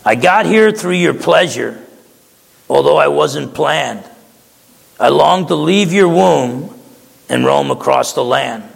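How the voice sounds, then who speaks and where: Man reading as a pleading unborn child, gravelly voice, echoing hall. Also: a little high, expressive, slow, full character voice. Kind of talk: poem recitation. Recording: long hall reverb.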